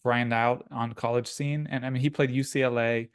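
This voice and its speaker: A man co-hosts a casual podcast chat at a middle pitch. He rambles, circling back with restarts and filler words. The recording is dry and close, with no room sound. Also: steady tone, moderate pace, smooth, no room sound. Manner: rambling, many restarts and likes. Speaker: podcast co-host.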